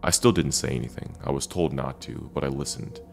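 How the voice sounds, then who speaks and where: A man narrating a first-person scary story in a dramatic way with deliberate pauses. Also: a bass voice, vocal fry, darkish tone, soft background music.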